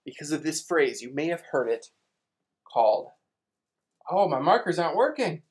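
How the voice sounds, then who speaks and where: A man's voice: fairly high pitch, very animated, normal speed, husky. Chatty man teaching kids about space. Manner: chatty, playful, explains simply with everyday examples. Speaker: science teacher. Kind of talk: live online kids' lesson at a whiteboard.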